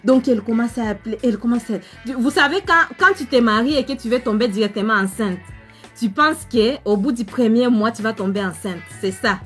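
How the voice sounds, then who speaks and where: A woman's voice: a little high, fairly quick, faint music behind. A woman with an African French accent, hosting a live stream as a relationship coach, chatting with viewers and telling a story. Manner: chatty, animated, addresses viewers directly, many fillers.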